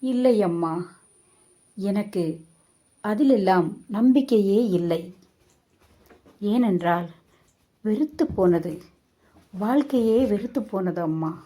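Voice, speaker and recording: A woman's voice: medium pitch, lively intonation, takes it slowly, long pauses, warm tone. A woman voicing a wronged mother who bitterly questions and grieves over her hard life. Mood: anguished. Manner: pleading, anguished questioning.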